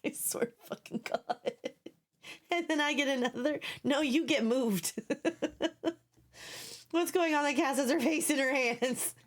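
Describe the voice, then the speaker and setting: A young woman streaming live speaks casually to her audience in a high-pitched voice, taking it slowly with long pauses. She sounds scratchy and sleepy, and her blunt, sarcastic talk is peppered with free swearing and repetition.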